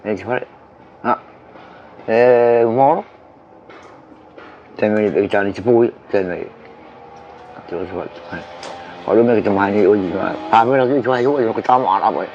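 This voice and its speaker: A man telling a story in a casual, halting way, full of fillers and curses. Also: fairly low pitch. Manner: rambling and halting, many fillers and profanity. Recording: dull recording with faint background noise.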